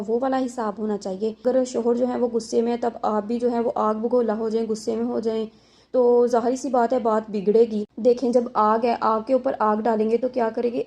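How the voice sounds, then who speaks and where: A woman's voice: on the high side, mellow. A woman hosting an advice channel, talking to viewers conversationally and explaining with everyday examples and rhetorical questions.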